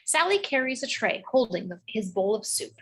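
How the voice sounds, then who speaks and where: Husky woman narrating a script. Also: on the high side, big pitch swings, normal speed. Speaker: narrator reading stage directions.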